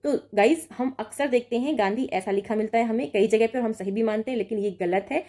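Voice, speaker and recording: Speaking fairly quickly in a slightly high, dark-toned voice, a young Hindi exam tutor gives an online prep lesson. Each word pair she reads gets corrected, and she checks in frequently.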